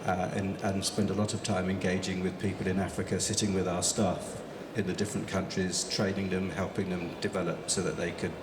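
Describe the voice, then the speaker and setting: A middle-aged man with a low voice moderates a panel in a large conference hall, his delivery flat and brisk. He rambles and hesitates, filling gaps with lots of fillers, and the hall's echo and background noise are audible.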